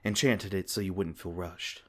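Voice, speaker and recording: In a comforting ASMR roleplay, a man plays a gentle, protective fae king, soft-spoken and reassuring. His voice is low and steady, at a moderate pace.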